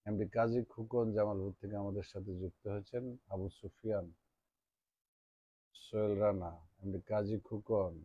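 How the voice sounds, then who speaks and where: A man's voice: lowish voice, flat delivery, moderate pace, dark tone, no echo, dull audio. A middle-aged man hosting a political live stream, reading out the names of viewers as they join and greeting them. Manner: reads out joining viewers' names, checks sound often.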